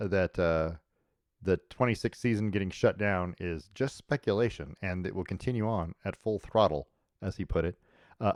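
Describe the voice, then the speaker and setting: Man, low voice, dry close sound, blunt opinions, casual sports chat. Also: a little mellow, no room sound. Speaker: co-host.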